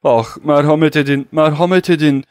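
A man's voice: mid-range voice, expressive, fairly quick, no echo, studio quality, voice pushed up, natural voice. A man voicing a cowardly, scheming thief who whines and pleads in an audiobook reading. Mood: pleading. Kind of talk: audiobook character voice.

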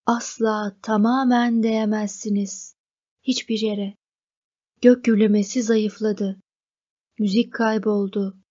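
A woman narrating a novel as an audiobook reader, in a measured, even reading. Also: mid-range voice, highs cut off. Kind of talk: scripted narration.

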